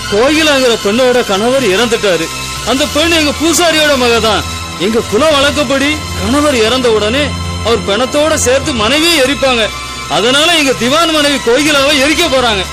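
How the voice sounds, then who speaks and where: A man's voice: very high-pitched, normal speed. A man playing an anxious servant who pleads with his master nervously. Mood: explaining. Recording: background music.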